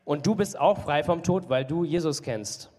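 A man's voice: a little high, moderate pace, warm tone. A man interpreting a sermon live, hesitant, with many fillers and self-corrections. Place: church hall. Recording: long church hall reverb.

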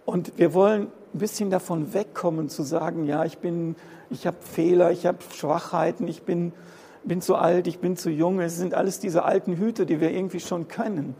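A man preaching with a gravelly, mellow voice, pitched a little high for a man. He presses his points home by repeating phrases over and over. His voice rings through a church hall with long reverb over a faint hum of room noise. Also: steady tone, moderate pace. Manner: impassioned, repeats phrases for emphasis. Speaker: pastor. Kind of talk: sermon.

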